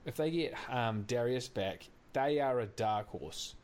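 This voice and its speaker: A man's voice: mid-range voice, expressive, unhurried, darkish tone. A man giving blunt, sweary opinions as a casual sports co-host. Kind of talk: casual rugby league commentary.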